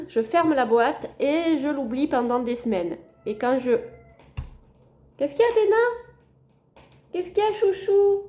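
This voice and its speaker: A woman's voice: on the high side, mellow. A woman chatting casually in a home vlog, showing her plants to viewers. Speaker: gardening vlogger. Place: at home by a window.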